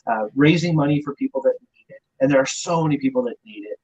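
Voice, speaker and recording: A man's voice: medium pitch, expressive, quick pace, darkish tone, husky. A man co-hosting a podcast, rambling casually with hesitant fillers. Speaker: podcast co-host. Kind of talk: casual chat. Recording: muffled lo-fi sound.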